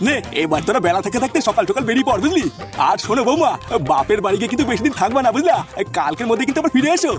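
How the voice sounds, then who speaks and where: A man's voice: extremely high pitch, racing, music in the background. A man voicing a grumpy, suspicious, foul-mouthed middle-aged father in a cartoon. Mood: fussy. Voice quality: excitable, scolding, foul-mouthed. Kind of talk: cartoon voice acting.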